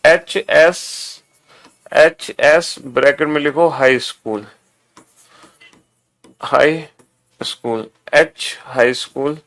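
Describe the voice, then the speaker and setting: A man teaching an online exam-prep lesson, drilling students slowly and repetitively, calling them beta. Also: a little high, a bit bright.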